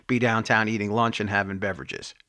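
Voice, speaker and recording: Guy hosting a local podcast, steady presenter voice, totally dry mic. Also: on the low side, brisk, dry recording. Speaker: podcast host. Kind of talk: casual interview.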